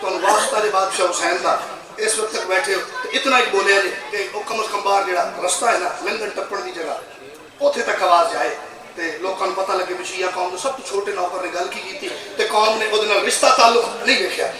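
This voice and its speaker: High-voiced man preaching in echoing hall. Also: brisk. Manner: declaims verses in a shouted chant, drops to quiet asides. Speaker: zakir reciting at a majlis. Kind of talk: sermon with recited verse. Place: large religious gathering hall. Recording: echoey crowded hall, far from mic. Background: crowd responding.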